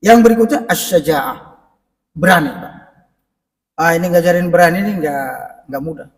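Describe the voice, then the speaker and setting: High-voiced preacher in an echoey mosque. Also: male voice, normal speed. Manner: conversational, addresses the congregation directly. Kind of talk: mosque parenting lecture. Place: mosque hall. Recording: echoey mosque hall, mic at a distance.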